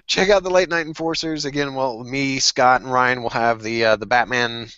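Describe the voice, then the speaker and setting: A man's voice: medium pitch, fairly even intonation, moderate pace, sharp tone, clear, resonant tone, highs cut off. A man hosting a casual podcast, joking crudely and rambling through sign-offs. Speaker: podcast host.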